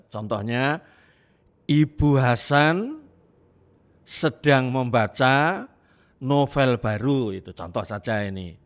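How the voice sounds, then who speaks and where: A middle-aged man giving a classroom lecture, deliberate and repetitive, stressing examples with pauses. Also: medium pitch. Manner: slow, deliberate, repeats examples and emphasizes with pauses.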